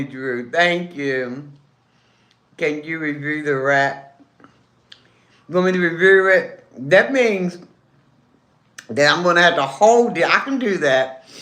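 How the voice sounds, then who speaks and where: A woman's voice: low-pitched, a bit bright, roomy sound. A woman hosting a casual livestream, chatting with viewers over her lunch, calling them baby and honey and humming as she chews. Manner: talks while chewing, hums over food. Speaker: livestream host. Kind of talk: casual live chat while eating lunch.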